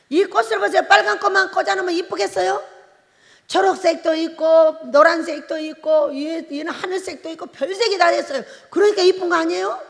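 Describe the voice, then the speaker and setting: A woman pastor from Korea's Jeolla Province preaching a sermon, emphatic and firing rhetorical questions at the congregation. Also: extremely high pitch. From Jeolla Province, South Korea. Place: prayer retreat chapel. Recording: long reverb of a large hall.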